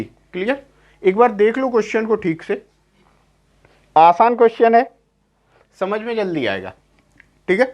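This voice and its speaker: A young man teaching math in a lecture, explaining step by step and often asking "clear?" to check. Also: high voice. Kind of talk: classroom lecture on trigonometry.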